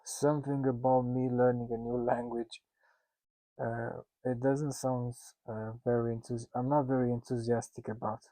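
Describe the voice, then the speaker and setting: On a rough recording with no echo, a man with a Russian accent and a flat, dark, medium-pitched voice gives founders an informal lesson. He jokes and makes fun of himself in loose asides, often stopping and restarting his sentences amid plenty of fillers.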